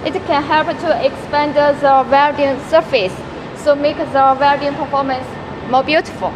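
A young woman in her twenties presenting a welding machine, talking haltingly with many restarts. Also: high voice, steady tone. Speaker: product presenter. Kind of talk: product demonstration in English. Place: large factory workshop. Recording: noisy factory floor.

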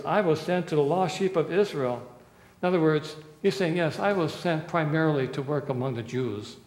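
A man in his sixties, a pastor preaching a sermon, dramatic, swinging between loud pleading and hushed quiet lines, recorded from a distance in a small church. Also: a little high. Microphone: far camera. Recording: echoey church hall, roomy reverb.

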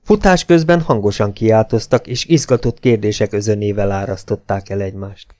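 A man narrating an adventure audiobook in a dramatic, measured storytelling manner. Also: fairly low pitch, warm tone.

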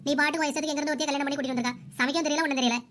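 A woman voicing a bossy, sarcastic older mother-in-law in a cartoon, nagging rapidly. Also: high-pitched, fairly even intonation, a bit bright, a little hiss or hum. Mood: scolding. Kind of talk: cartoon voice acting.

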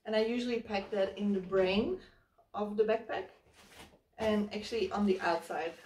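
A woman's voice: medium pitch, fairly even intonation, normal speed, a little mellow, a little hiss or hum. A woman in her thirties casually explaining, step by step, how she packs her hiking backpack while she handles the gear. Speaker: hiking vlogger. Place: living room, indoors. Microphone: camera mic from across the room. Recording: roomy, slightly distant camera sound.

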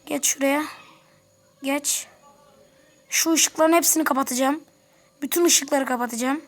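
Woman gamer narrating a let's-play, high voice, chatty and easily annoyed, chats with the characters. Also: fairly even intonation, unhurried. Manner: chatty, grumbles and talks to game characters. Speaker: gameplay commentator. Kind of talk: casual let's-play commentary.

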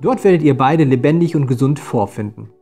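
A man voicing a kind, calm holy stranger in a storybook reading, gentle and solemn. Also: medium pitch, fairly quick, soft background music. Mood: admonishing.

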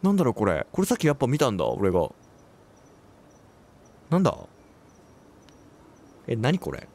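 A man plays through a game and comments on it, reacting, cracking jokes, exclaiming and talking to himself. His voice is medium in pitch with a darkish tone, and it swoops wildly up and down at a moderate pace.

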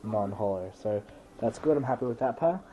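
In his bedroom, a man opens trading card packs on camera without a script, plainly calling out each item as it comes. His voice is fairly low, expressive, and brisk, with a dark tone.

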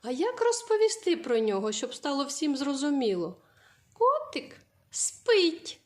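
A woman's voice: high voice, big pitch swings, a little mellow. A woman teacher giving a literacy lesson to young children, asking simple questions and answering them herself. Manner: slow, sing-song questions to small children. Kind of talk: early-years literacy lesson.

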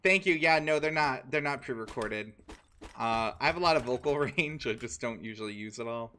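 A man's voice: medium pitch, expressive, moderate pace, sharp tone, slight background noise. A man co-hosting a live gaming stream, chatting casually, laughing and swearing as he reacts to the game. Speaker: streamer co-host.

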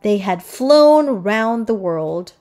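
This is a scripted children's read-aloud by a woman narrating a storybook. The verse comes out slow and expressive in a lively pitch, over a musical backing.

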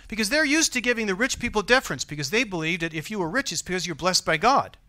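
An American man delivers a sermon in a church, talking to the congregation like a conversation and checking in with questions. His voice is bright and forceful and sits a little high for a man. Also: animated, quick pace. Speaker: pastor.

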